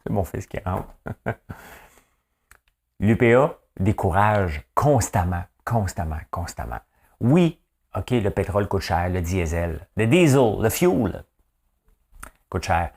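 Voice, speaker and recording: A middle-aged man with a Quebec French accent and a somewhat low voice delivers a casual morning news monologue. He is a chatty farmer who speaks his mind and keeps checking in with the listener. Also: sing-song, takes it slowly, gravelly, long pauses, a little mellow, slightly rough. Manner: chatty, rhetorical, keeps asking "hein?". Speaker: podcast host and farmer.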